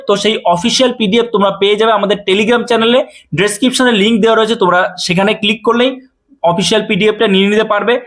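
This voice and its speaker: A man explains a recruitment notice in a coaching video. His voice sits high and he talks at a rapid clip. He addresses viewers directly and keeps checking that they are following. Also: a bit bright. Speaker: coaching teacher.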